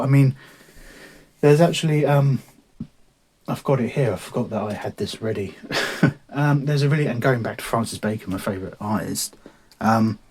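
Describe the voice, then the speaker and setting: Husky bloke rambling through viewer questions, swears casually, laughs at himself. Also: male voice, medium pitch, a little mellow. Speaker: artist answering viewer questions.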